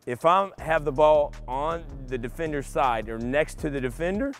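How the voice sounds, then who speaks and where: A middle-aged man coaching basketball, calmly explaining drills step by step to young players in a large empty indoor arena. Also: a little high, normal speed, faint music behind. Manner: patient step-by-step explaining to kids. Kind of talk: instructional clinic demonstration.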